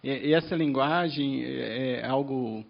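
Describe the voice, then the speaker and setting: A man's voice: medium pitch, measured pace, gravelly. Guy on a panel asking a question, stumbly, lo-fi sound. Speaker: panel member.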